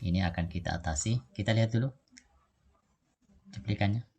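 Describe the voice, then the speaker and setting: A man presenting a lesson as a teacher, explaining deliberately, phrase by phrase. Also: lowish voice, darkish tone, slightly rough.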